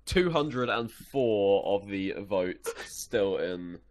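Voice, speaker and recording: A man's voice: fairly low pitch, lively intonation, extremely slow, noisy background. A young man hosting a casual podcast awards show, announcing results in a conversational way.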